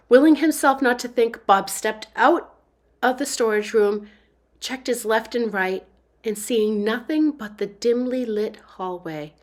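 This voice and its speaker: A woman giving a dramatic, suspenseful reading of a horror novel in a hushed voice that sometimes drops to a whisper. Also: mid-range voice. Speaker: book reader.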